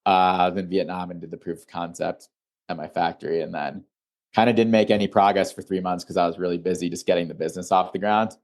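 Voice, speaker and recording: A young man from Illinois, a founder being interviewed, talking in a relaxed, rambling way full of "like" fillers. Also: low-pitched, fast. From Illinois, USA. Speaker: founder and guest. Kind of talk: casual interview.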